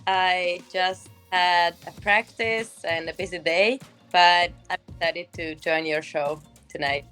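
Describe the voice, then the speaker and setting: Young woman, Hungarian accent, low-pitched, easy pace with pauses; faint music bed. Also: fairly even intonation, a bit bright, clean tone. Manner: unhurried, searching for words with many ums. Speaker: guest, professional hockey player. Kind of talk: casual interview answers.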